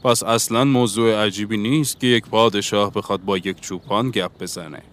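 A man's voice: lowish voice, steady tone, fairly bright tone, lightly acted. A man voicing a young shepherd boy, eager and a little defensive, in an audiobook.

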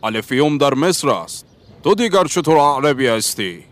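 A man's voice: mid-range voice, close to an everyday voice. A man putting on a blunt, scoffing warehouse owner.

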